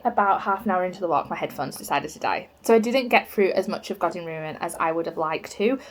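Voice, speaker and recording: Chatty young woman, low voice. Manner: chatty, says "like" a lot. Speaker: vlogger. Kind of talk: casual vlog chat.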